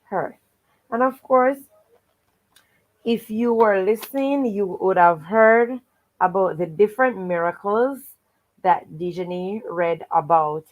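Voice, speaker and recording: A woman with a medium-pitched voice hosts a children's read-aloud livestream, captured in narrow, tinny audio. She greets viewers and recaps stories, sounding encouraging and often repeating stock welcome phrases.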